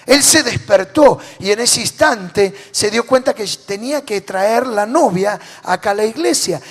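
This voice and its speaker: A man with a Rioplatense Spanish accent and a very high speaking voice delivers a sermon, questioning his congregation. He swings from loud declarations down to soft, low phrase endings. His voice carries a long reverb from a large church hall. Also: husky. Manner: preaching with rhetorical questions to the congregation. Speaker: pastor.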